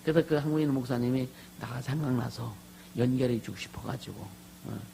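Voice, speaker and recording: A pastor with a gravelly, fry-edged voice preaches a lively sermon, drawing amens from the congregation. His voice moves from murmured asides to full shouts, and a faint hum sits under the recording. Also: mid-range voice, brisk, low-quality recording. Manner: animated, asks the congregation for amens, swings from soft asides to loud shouts.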